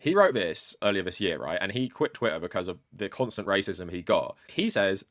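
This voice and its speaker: A man narrating a commentary video in a steady, explanatory way. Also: deep voice, a little fast, no room sound, studio quality. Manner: steady, explanatory, many "like" fillers. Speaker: video essay creator.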